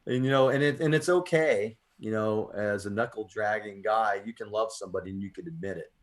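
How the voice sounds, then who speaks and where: An American poet who hosts a poetry radio show talks in a casual, earnest, reflective way, often repeating words as he thinks out loud. His voice sits on the low side and moves a little fast.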